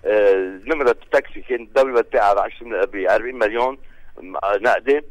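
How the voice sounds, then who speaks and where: A man's voice: fairly low pitch, fast talker, no echo, rough recording. A Lebanese man, a union leader calling in to a radio show, speaking firmly and listing figures. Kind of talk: radio phone-in statement.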